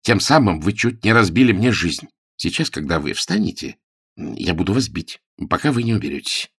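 A man doing a stern, threatening young gentleman. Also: lively intonation, moderate pace, slightly rough, no room sound, studio quality, exaggerated voice. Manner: deep, stern, menacing.

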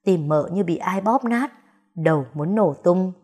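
A woman's voice: lowish voice, expressive, unhurried, a little mellow, slightly rough. A woman storyteller narrating a melodramatic story in an emotive manner.

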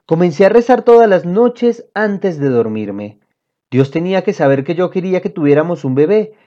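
A woman reading a children's book aloud in an expressive storytelling manner. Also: lowish voice, moderate pace. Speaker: reader. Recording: dull lo-fi audio.

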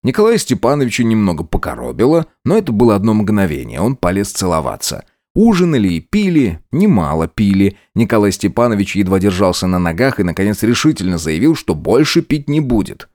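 A man narrating an old crime story with a measured but expressive delivery. His voice sits a little low and moves freely up and down. The recording is close and dry, with no room sound. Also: no echo. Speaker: audiobook narrator.

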